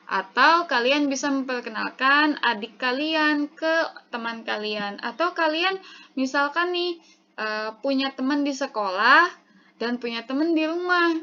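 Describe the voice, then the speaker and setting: A woman teacher explains each phrase patiently in a slow, unhurried lesson. Her voice is bright and sits a little high. The recording is dull and lo-fi.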